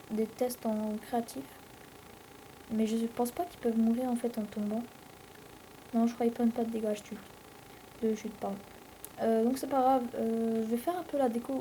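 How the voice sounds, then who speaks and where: Une jeune femme à l'français commente sa partie de jeu vidéo sur un ton décontracté et bavard, avec beaucoup d'hésitations. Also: female voice, on the high side, steady tone, moderate pace, dark tone, a little hiss or hum, low-quality recording. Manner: rambling, chatty, many fillers. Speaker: let's play host. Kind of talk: casual gameplay commentary.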